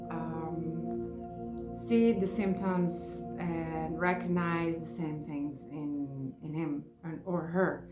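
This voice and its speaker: A Serbian woman speaks English as a second language with a Serbian accent, pausing and restarting as she searches for words. Her voice sits fairly low. She talks in an echoey room with music clearly playing underneath. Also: darkish tone. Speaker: face yoga vlogger. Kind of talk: personal testimony vlog.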